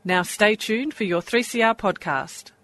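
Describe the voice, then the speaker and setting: A woman's voice: medium pitch, measured pace, a bit bright, faint music behind. Woman reading a station announcement. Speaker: podcast announcer.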